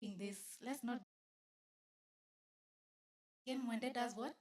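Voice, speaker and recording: A woman's voice: a little high, takes it slowly, a little mellow. A Kenyan woman giving a storytelling talk to a live audience at a conference, switching between English and Swahili and teasing the crowd. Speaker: conference speaker. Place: conference venue.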